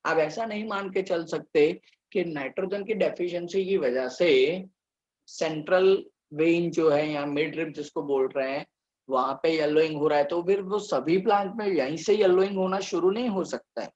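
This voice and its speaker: A man teaching a biology lecture, reading slide lines out slowly and then explaining them step by step. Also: fairly high pitch, darkish tone, lo-fi sound.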